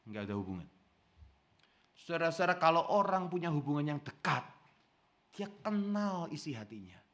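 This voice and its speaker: A man preaching a sermon as pastor, with an Indonesian accent, swinging between loud bursts and hushed asides and often calling out to his congregation. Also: on the high side, very animated, normal speed.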